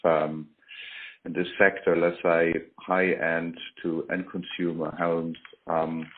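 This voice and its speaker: A man speaking as an industry expert in a business interview over a call, explaining in a hesitant, halting way. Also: low-pitched. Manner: hesitant, halting delivery with pauses. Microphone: phone or online call. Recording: muffled call audio, faint typing noise.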